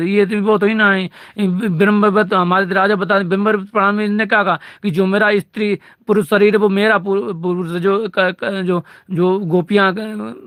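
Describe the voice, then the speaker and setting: A man with a gravelly, creaky voice that sits a little high for a man. He rambles playfully through devotional chat and refers to himself as "we". The sound is close and dry, with no room around it. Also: fairly bright tone, no echo. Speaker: devotional speaker.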